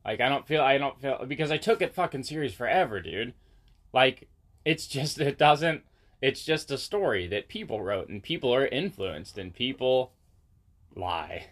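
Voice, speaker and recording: A man's voice: mid-range voice, lively intonation, normal speed, a bit bright. A man chatting casually as a podcast co-host, with loose, slangy, informal phrasing. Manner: laid-back slangy phrasing, peppered with "like" and "dude". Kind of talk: casual chat.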